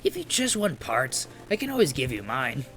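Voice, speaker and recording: A man's voice: mid-range voice, wildly swooping pitch, moderate pace, fairly bright tone, soft background music. A man voicing a teasing, easygoing friend in a cafe, reading video game dialogue aloud.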